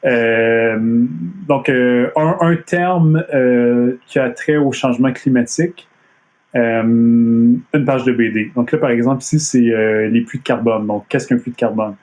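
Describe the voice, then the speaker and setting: Montreal-accented man, chatty, halting. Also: medium pitch, darkish tone. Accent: Montreal French. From Quebec. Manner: hesitant, many fillers and restarts. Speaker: comic artist giving a talk. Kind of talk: casual live-streamed presentation. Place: at home. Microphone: computer mic on a video stream.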